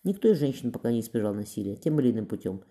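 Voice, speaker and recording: A man voicing a caring woman, a courtesan, who comforts her friend gently. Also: medium pitch, sing-song, very fast, close to an everyday voice. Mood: soothing. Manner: soothing, gentle.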